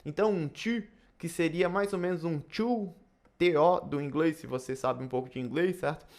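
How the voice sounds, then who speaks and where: A young adult Brazilian man with a Brazilian Portuguese accent teaching saxophone technique in a casual video lesson, tagging his phrases with quick checks to the viewer. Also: fairly high pitch, gravelly. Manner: casual, tag questions after phrases.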